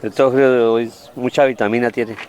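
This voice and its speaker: Man, from Colombia, matter-of-fact, short answers, middle pitch, outdoor market interview. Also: flat delivery, a little slow, darkish tone, clear, resonant tone. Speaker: fruit buyer. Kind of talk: on-the-street interview.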